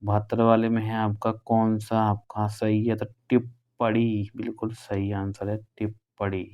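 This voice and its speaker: A male teacher from northern India going through exam questions in a brisk, conversational way, drawing out the key words. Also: fairly low pitch, completely flat delivery, a little mellow, clear, resonant tone. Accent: Hindi, northern India.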